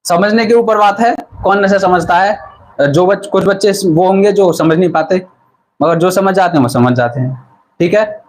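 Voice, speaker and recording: A fairly high-voiced man leads a live online physics lesson at a moderate pace, posing questions to viewers, answering them himself, and repeating key terms for note-taking. The recording is rough.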